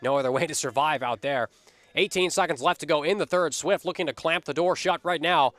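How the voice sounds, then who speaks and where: A man calling a lacrosse game live from a commentary booth, steady and energetic, lifting on big plays. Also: a little high, quick pace. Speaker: play-by-play commentator.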